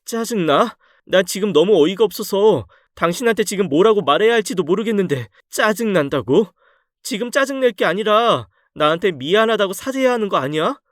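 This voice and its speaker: Storybook drama: male reader playing an anxious, furious young wife, high-pitched and swinging. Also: lively intonation, moderate pace, dry recording, studio quality. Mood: outraged. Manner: shrill, emotional pleading. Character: distraught young wife, shocked and angry.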